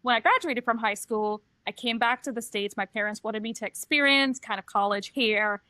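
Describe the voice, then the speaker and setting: A woman's voice: fairly high pitch, moderate pace, pushed and bright, no echo. A middle-aged woman from Trinidad and Tobago, co-hosting a podcast and telling her own story in a candid, reflective way. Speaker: podcast co-host, transition coach. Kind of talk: casual podcast chat.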